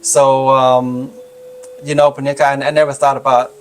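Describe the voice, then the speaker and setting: A middle-aged Cambodian-accented man tells a personal story in a relaxed, halting way. He pauses often, fills gaps with small sounds and restarts his sentences. His pitch sits in an ordinary middle range for a man. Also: a little hiss or hum. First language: Khmer. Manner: halting, many fillers and restarts. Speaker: healer and channel co-host.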